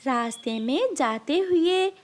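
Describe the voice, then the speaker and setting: Woman storyteller, high pitch, slow measured cartoon narration. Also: animated.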